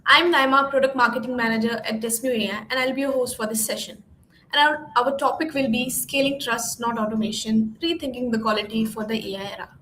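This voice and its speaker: A woman with a high, bright pitch opens the session as its host, reading a scripted introduction in a clear, upbeat way. Her voice rings in a reverberant room. A faint hiss sits under the recording. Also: steady tone, brisk. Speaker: event host.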